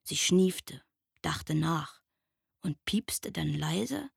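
Woman narrator for a children's story, slow and gentle, gravelly edge, dry close sound. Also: fairly low pitch, dry recording.

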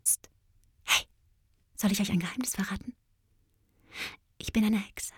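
A woman voicing a secretive, playful young witch in whispered role-play, hushed and conspiratorial. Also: medium pitch, measured pace, slightly rough, voice pushed down.

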